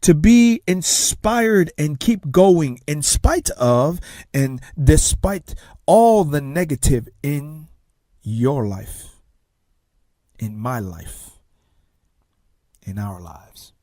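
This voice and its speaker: This success coach, a native Tongan speaker who grew up in Tonga, hosts a talk show with a slow, emphatic motivational speech, pausing dramatically and sinking to hushed near-whispers. His voice is animated and on the high side, and the studio sound is clean with no echo.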